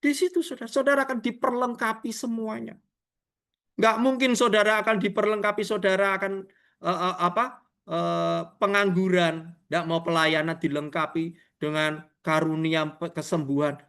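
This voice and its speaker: A man preaching a sermon over a video call, animated, swinging from low asides to loud exclamations and addressing listeners as brothers and sisters. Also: normal speed, clean tone. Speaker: evangelist preacher.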